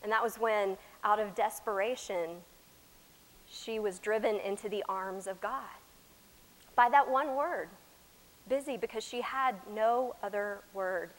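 Addressing a chapel congregation, a woman from Texas delivers a sermon in a medium-pitched voice with an American accent. She phrases things deliberately and emphatically, pausing for drama and swinging between loud and soft, while the large hall adds long, echoing reverb.

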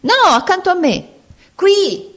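A woman reading a story, voicing a group of women at table loudly calling a newcomer over. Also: lively intonation, measured pace. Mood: excited. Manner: shrill, shouting over each other. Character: noisy crowd of excited women at a dinner table.

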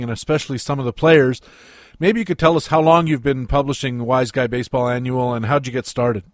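A man's voice: mid-range voice, dry recording, clean studio sound. A man hosting a sports talk radio show, moving between questions, introductions and promotional reads.

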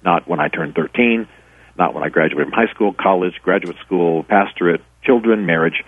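Deep husky man on a tinny phone line. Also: normal speed, dry recording. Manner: earnest, rambling, with many restarts. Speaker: author and former pastor, guest. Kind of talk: radio interview storytelling.

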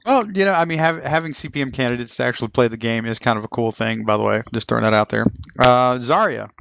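A middle-aged man with a creaky voice of average pitch hosts a casual podcast. He talks in a folksy, joking way, and the sound is dry and a little dull. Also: fast, fairly bright tone, no room sound. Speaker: podcast host. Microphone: online voice chat, close. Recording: dull, lo-fi voice chat.

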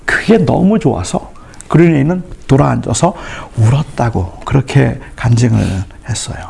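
A man's voice: medium pitch, animated, normal speed, gravelly, a little mellow, breathy edge. A middle-aged male pastor giving a retreat sermon, telling family stories and acting out the dialogue. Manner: storytelling, acts out family dialogue.

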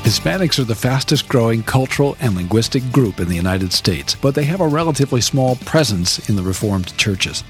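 A man hosting a radio interview, introducing his guest formally and asking measured questions in a studio. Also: mid-range voice. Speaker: radio show host.

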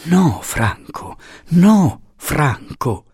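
A man voicing a hurt, pleading young wife, speaking with raised, impassioned pitch. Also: sing-song, very slow, a little mellow, breathy edge, no room sound, clean studio sound, full character voice.

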